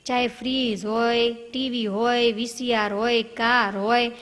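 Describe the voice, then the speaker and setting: A woman's voice: on the high side, little pitch movement, takes it slowly, fairly bright tone, in a large hall. A woman comedian, telling jokes and stories straight to the audience in a chatty way. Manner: chatty, addresses the audience directly. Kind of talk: comic storytelling.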